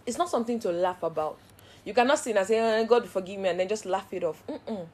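A woman hosting a devotional Bible teaching, speaking in an earnest, heartfelt way and building repeated phrases into steady cadences. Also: medium pitch, fast talker. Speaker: Bible study host.

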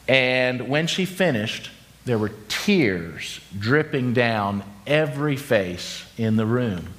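Guy in his 50s preaching, story-telling, mid pitch, gets loud then slows way down. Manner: animated storytelling, slows for emphasis. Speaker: pastor. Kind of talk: sermon.

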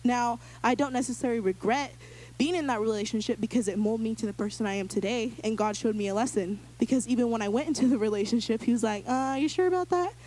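A young woman shares her testimony with a church group in a loose, chatty way, full of "like" and quick asides. She acts out the other voices in her stories. Her voice sits a bit higher than most women's. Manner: animated storyteller acting out quoted voices; casual, filler-heavy speech. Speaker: church member giving a testimony.

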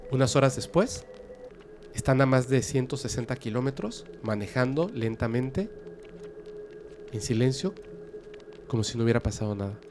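A man's voice: mid-range voice, normal speed, long pauses. Brief: man, dramatic storyteller, builds suspense, faint music behind. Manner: lively, suspenseful, with sudden loud bursts.

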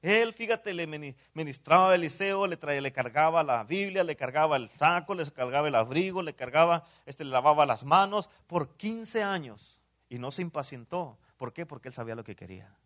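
A man with a Mexican Spanish accent preaching a sermon in church, dropping to hushed asides and rising to loud exclamations, often saying amen. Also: on the high side, expressive, brisk. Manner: swings between hushed asides and loud exclamations, repeats "amén".

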